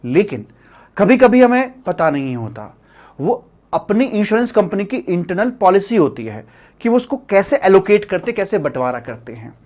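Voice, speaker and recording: A man's voice: sits high, very animated, moderate pace, a little mellow. A middle-aged man teaching tax law in a chatty classroom lecture, full of rhetorical questions and friendly asides to students. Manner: calls students sir and buddy.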